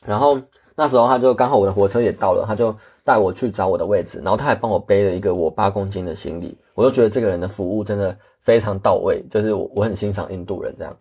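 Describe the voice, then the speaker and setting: A man's voice: fairly low pitch, fast talker, darkish tone, breathy edge. A man, a guest earnestly telling travel stories in casual chat. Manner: earnest, candid, many restarts.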